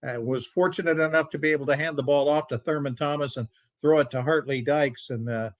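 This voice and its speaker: A man's voice: fairly high pitch, fairly even intonation, brisk, no echo. Older man recalling sports stories. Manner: storytelling, knowledgeable, hesitant fillers. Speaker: sports talk panelist, former anchor. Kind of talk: casual sports banter.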